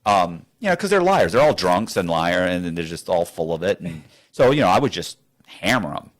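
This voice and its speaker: An interview guest in a studio speaks in a low, sing-song voice, a little fast. He tells stories bluntly and ramblingly, acting out both sides of conversations with animated dialogue.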